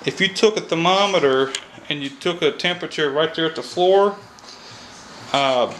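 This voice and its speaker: On a poor-quality camera mic recording with slight background noise, a man in his thirties with a Kentucky accent casually explains heating and air repair by an AC unit outside and later inside a house. His voice is fairly high and a bit bright, at a moderate pace. This HVAC technician is folksy, thinks aloud, and says "all right" often.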